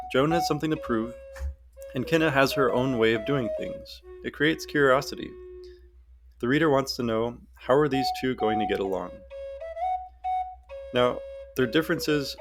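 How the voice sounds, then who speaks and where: Guy teaching storytelling, gravelly voice, some uhs, flute music behind. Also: mid-range voice. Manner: explanatory, with some fillers. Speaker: writing instructor. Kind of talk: video lesson on storytelling.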